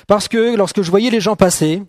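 Speaking at normal speed, a middle-aged preacher gives a relaxed, conversational sermon in a church hall, frequently asking "d'accord?" and joking with the congregation. His voice is a little high for a man. The sound is dry and close, with no echo.

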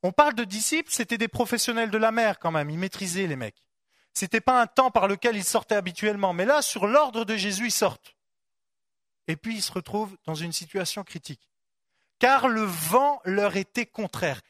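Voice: mid-range voice, moderate pace, dry recording, clean studio sound. A preacher reading and explaining a Bible story, talking casually, with frequent asides, and asking listeners to picture the scene. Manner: lively, conversational, asks listeners to imagine, many asides.

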